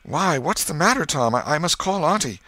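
A man's voice: on the high side, animated, normal speed, bright, forceful tone, no echo, pitched above the performer's own voice. A man voicing a gullible young boy, worried and pleading, with an urgent stammer. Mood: alarmed, pleading.

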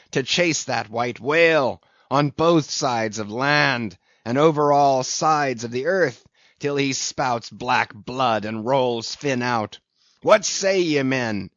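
Guy doing a fierce old whaler captain, obsessed, roaring slow and grand, seafaring talk, bit roomy and dull. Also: mid-range voice, fairly bright tone. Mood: vengeful, fervent. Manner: bellowing, declamatory, archaic seafaring speech. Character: fierce old one-legged whaling captain, obsessed and commanding.

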